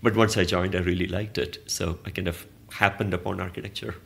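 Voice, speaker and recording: This interview guest is an arts organizer from southern India who speaks Malayalam. He talks at a fairly quick pace in a low, gravelly, slightly bright voice with a steady tone. His answers are thoughtful and wandering, with frequent restarts, in a reflective, conversational exchange.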